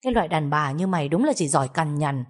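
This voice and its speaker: A woman's voice: sits low, animated, fast talker. A woman voicing an angry, greedy middle-aged husband and gambler who hurls crude insults in an audio story. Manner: harsh, shouting, crude insults.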